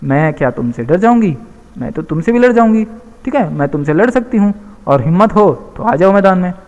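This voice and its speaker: A man's voice: high-pitched, expressive, brisk, a little mellow, dull audio. A man voicing a boastful tiny female fly who scolds and taunts, read aloud as part of a storybook lesson. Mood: taunting. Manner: taunting, scolding in a prim lecturing tone. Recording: long hall reverb.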